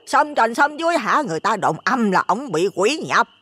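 A man voicing a nosy, superstitious old village woman with a Southern Vietnamese accent, loud and chattering. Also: extremely high pitch, sing-song, fairly quick, breathy edge, voice pushed up, full character voice. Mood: hushed gossip.

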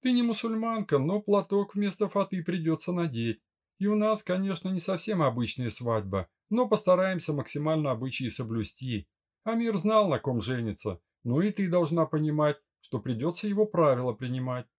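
A man reading a gentle young mother in an audiobook, soothing and talkative. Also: on the high side, moderate pace, voice pushed up. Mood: gentle chatty. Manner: soothing, lively chatter. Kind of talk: audiobook character voice.

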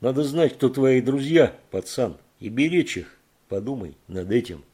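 A man voicing a panicked junkyard owner who shouts in a hoarse, cracking voice. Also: mid-range voice, animated, normal speed. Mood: broken, hoarse.

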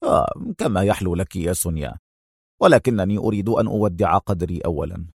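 A man's voice: no echo, clean studio sound. A man voicing a cool, sardonic secret agent. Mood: calm. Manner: calm, low and unhurried, dryly mocking.

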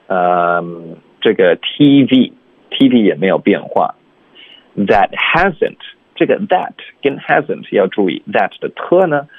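Low-ish husky guy teaching pronunciation, sounds tinny like over a phone line. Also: dry recording. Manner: explains slowly, demonstrates phrases in careful slowed-down English. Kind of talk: radio language lesson.

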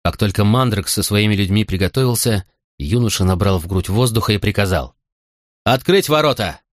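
A man narrates an audiobook in a steady, measured way. His voice sits low, and the close recording is dry and free of room sound. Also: no echo. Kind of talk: scripted narration.

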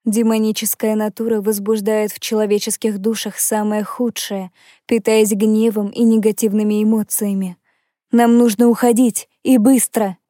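A man's voice: high-pitched, level tone, moderate pace, warm tone, no echo, clean studio sound, pitched above the performer's own voice, close to an everyday voice. A man doing a worried, earnest young sorceress. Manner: worried, explanatory.

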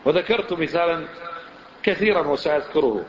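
A man teaching a religious lesson, quizzing his listeners with lively rhetorical questions. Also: fairly high pitch, normal speed, a little hiss or hum. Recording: echoey room, dull lo-fi sound.

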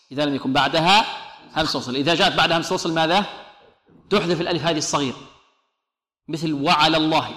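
Bright-voiced man teaching recitation in an echoey room. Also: fairly high pitch. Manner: asks the class rhetorical questions and answers them; slows down to demonstrate words carefully. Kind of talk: classroom recitation lesson.

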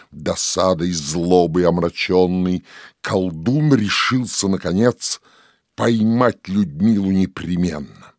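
A man reciting narrative verse as an audiobook narrator, in a dramatic way that drops to whispers and rises to loud outbursts. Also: deep voice, no room sound, clean studio sound. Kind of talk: poetry recitation.

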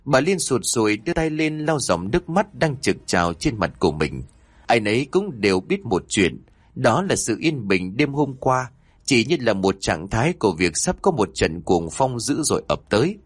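Male narrator for a horror story, expressive and bouncy in pitch, dry close sound. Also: moderate pace, slightly rough, dry recording. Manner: voices characters with shifts in pitch.

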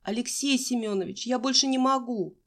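A woman's voice: on the high side, brisk, voice pushed up, natural voice. A woman voicing an exhausted fifteen-year-old schoolgirl, pleading in a raised voice.

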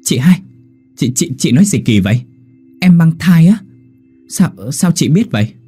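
A man's voice: mid-range voice, very animated, moderate pace, dark tone, breathy edge, faint music behind. A man voicing a timid young pregnant country wife, stammering and pleading. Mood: anxious.

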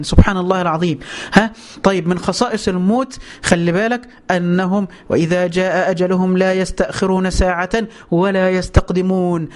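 A man with an Egyptian Arabic accent giving a colloquial religious lesson, pleading and urgent, speaking straight to his listeners. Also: sits high. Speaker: preacher.

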